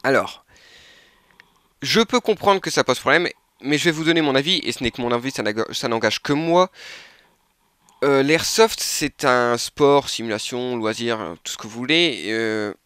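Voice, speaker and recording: A man talking casually as he reviews a replica, hesitant, with many pauses and restarts. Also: medium pitch, a bit bright, clear, resonant tone, no echo, studio quality. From France. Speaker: airsoft reviewer. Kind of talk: casual product review talk.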